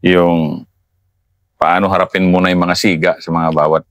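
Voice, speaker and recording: A Filipino man with a fairly low voice hosts an interview, drawing the points together slowly and deliberately. His follow-up questions are calm and measured. The recording is dry and close. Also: no room sound. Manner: slow and deliberate, sums up points and asks follow-ups. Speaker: interview host, retired colonel. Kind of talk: reflective interview talk.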